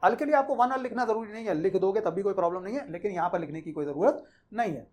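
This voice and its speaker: A man's voice: high voice, very fast, a little mellow. A man teaching chemistry, explaining naming rules in a conversational way and repeating the key points for students. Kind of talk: explaining IUPAC naming in a Hindi-English mix.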